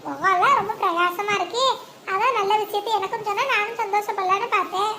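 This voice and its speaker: Cartoon neighbour: a teasing busybody, very high and bright. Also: female voice, fast, slight background noise. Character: nosy mocking neighbour woman. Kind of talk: animated cartoon voice acting.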